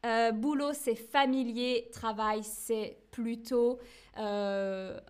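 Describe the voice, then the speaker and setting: Slow, high-voiced woman teaching French. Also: steady tone. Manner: slow, clear, patient teaching with frequent checks; reads viewers' chat messages aloud. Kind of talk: live-streamed language lesson.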